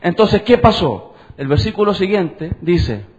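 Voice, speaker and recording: Male pastor, high, animated, questioning sermon, dull lo-fi sound. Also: unhurried, faint music behind. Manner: conversational preaching, asks the congregation questions. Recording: dull lo-fi church recording.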